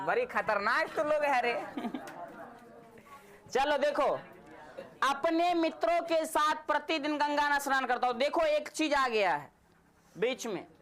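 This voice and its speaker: A woman's voice: high voice, fairly bright tone. A woman teaching a Sanskrit class, quizzing and teasing her students.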